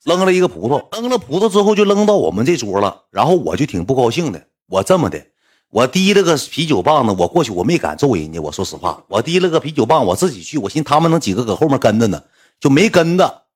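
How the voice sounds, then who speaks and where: Man, Northeastern Mandarin accent, husky voice, lively swinging pitch, casual storytelling, repeats phrases. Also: fast. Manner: rambling, colloquial, repeats himself. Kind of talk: casual anecdote telling.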